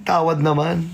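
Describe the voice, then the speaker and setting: High, gravelly-voiced man livestreaming. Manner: playful, teasing, greets viewers by name. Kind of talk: casual live-stream chat.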